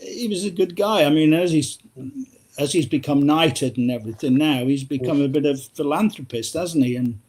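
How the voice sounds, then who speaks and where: An older man talks as a guest on a football phone-in, rambling warmly through old stories and laughing often. His voice sits a little higher than most men's. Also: moderate pace. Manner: chatty, anecdotal, laughs often. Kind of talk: casual phone-in chat.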